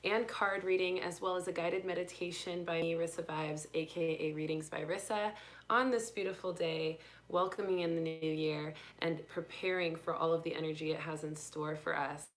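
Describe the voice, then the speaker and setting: A young woman with a fairly low voice hosts a live spiritual card reading. She talks gently and without hurry, greeting viewers and guiding them through the new year's energy. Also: steady tone, normal speed. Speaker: intuitive reader and livestream host.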